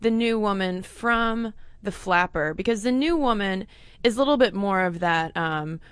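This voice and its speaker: A woman's voice: medium pitch, moderate pace, clear, resonant tone, no room sound. A woman co-hosting a casual chat, reading out facts and figures with playful asides. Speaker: podcast co-host.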